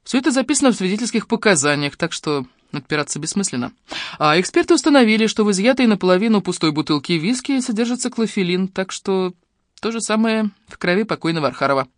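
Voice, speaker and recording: A man voicing a calm, methodical detective in an audiobook, laying out evidence in a measured way. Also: sits high, dry recording, clean studio sound. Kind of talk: audiobook character reading.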